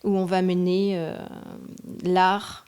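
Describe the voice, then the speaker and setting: Female event organizer, warm mellow voice, earnest, filler-heavy delivery. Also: lowish voice, little pitch movement, takes it slowly, clear, resonant tone. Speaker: association organizer. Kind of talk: TV interview.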